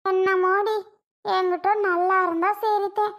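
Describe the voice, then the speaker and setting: A woman's voice: very high voice, flat delivery, measured pace, fairly bright tone, full character voice. A woman voicing a stubborn elderly mother in a cartoon, talking in a firm, insistent way. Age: older. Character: stubborn elderly mother giving her kidney. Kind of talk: cartoon voice acting.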